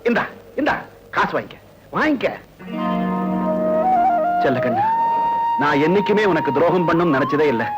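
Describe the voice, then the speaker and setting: A man playing a middle-aged village doctor and scheming father, speaking forcefully in a 1980s film drama. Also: a little high, big pitch swings, normal speed, long pauses. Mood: coaxing. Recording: old film soundtrack with loud music.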